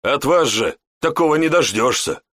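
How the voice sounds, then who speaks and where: A man's voice: medium pitch, animated, moderate pace, a bit bright, no room sound, studio quality, pitched above the performer's own voice. A man voicing a cocky, grumbling young apprentice. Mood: complaining.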